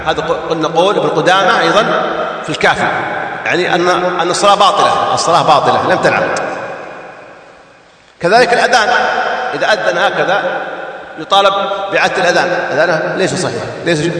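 A man's voice: fairly high pitch, fast talker, pauses often, bright, forceful tone. A man teaching a religious text, repeating key points and singing out examples. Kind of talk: explaining a text in a lesson. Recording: echoey hall, voice from far off.

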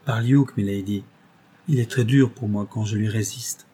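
A man's voice: on the low side, normal speed, warm tone, husky. A man reading as a timid, pleading innkeeper's wife. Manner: humble, apologetic, pleading. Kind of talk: audiobook reading.

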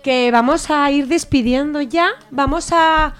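A woman's voice: sits high, a little slow. A young woman from Spain hosting a casual children's radio show, patiently steering the kids and playfully keeping them on track. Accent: Spain Spanish. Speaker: radio host interviewing children. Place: radio studio.

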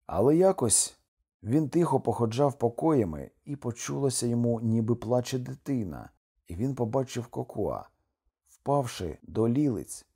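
A man narrating a literary audiobook in an even, measured storytelling manner. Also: mid-range voice, slightly rough.

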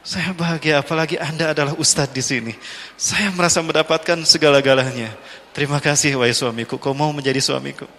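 A man voicing a grateful young widow who speaks softly. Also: fairly high pitch, fairly even intonation, fast talker, big-room sound, slight background noise. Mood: tender.

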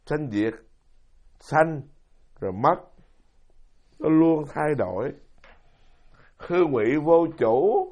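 This monk's voice runs on the high side and a little mellow, swinging widely in pitch while he speaks very slowly with long pauses. He is a middle-aged man with a Southern Vietnamese accent, telling stories and asking rhetorical questions in a dharma talk, recorded in dull lo-fi quality.

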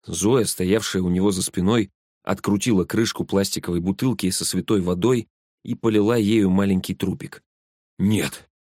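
A man narrating an audiobook in the first person with an even, measured reading. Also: low-pitched, dry recording, studio quality. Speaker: audiobook reader.

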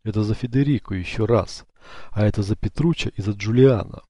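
A man's voice: on the low side, a little fast, dark tone, dry recording, studio quality, lightly acted. A man voicing a young male assassin who growls fierce threats, in an audiobook. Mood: enraged.

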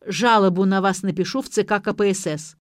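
A woman's voice: medium pitch, no room sound, studio quality, natural voice. Woman doing a grumpy old pensioner. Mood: exasperated. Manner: querulous, slow grumbling.

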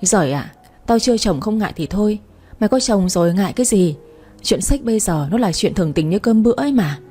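A woman narrator voicing a brash, loud-mouthed young woman who teases and bosses her friend. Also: mid-range voice, animated, fast, breathy edge, faint music behind. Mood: bossy teasing. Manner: crude, teasing, bossy.

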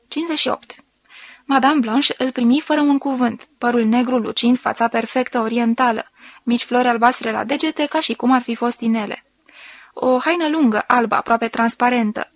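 A woman narrating a literary audiobook in a calm, measured reading voice. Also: a little high, no room sound.

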